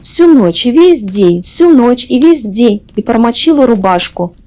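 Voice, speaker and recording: A woman's voice: on the high side, expressive, measured pace, mellow. A woman voicing a wistful, innocent little princess in a bedtime storybook reading.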